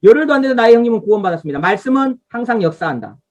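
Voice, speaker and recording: Her voice is a little high and a little mellow, with big swings in pitch and a rapid-fire delivery. As a woman pastor hosting a revival Bible study online via video call, she works from a study guide, names lines to underline, and calls on the congregation to answer.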